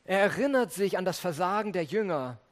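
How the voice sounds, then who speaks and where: Earnest preacher with a higher voice. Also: male voice, lively intonation, fairly quick. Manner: earnest, addresses listeners directly. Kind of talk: sermon with Bible reading.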